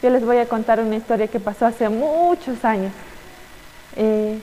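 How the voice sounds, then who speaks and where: A young woman, teaching children and telling a story in a halting way, with many fillers and tag questions. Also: fairly high pitch, mellow, big-room sound, slight background noise, poor audio. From Bolivia. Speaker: children's Sunday school teacher.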